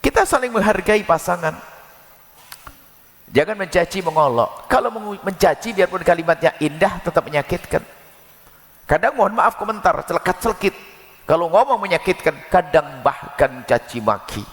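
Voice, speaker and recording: Lively, reverberant male preacher. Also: high-pitched, normal speed. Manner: lively, folksy preaching with jokes and acted-out quarrels. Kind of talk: sermon.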